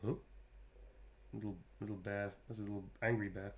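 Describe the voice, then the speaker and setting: A man's voice: lowish voice, level tone, quick pace. Chatty, self-mocking man on stream. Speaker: voice actor signing fan requests. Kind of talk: casual stream chat while drawing.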